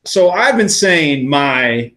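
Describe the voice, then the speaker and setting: A man's voice: on the high side, big pitch swings, slow pace, pushed and bright. A man co-hosting a podcast, telling rambling stories in casual banter and swearing freely. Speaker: podcast co-host.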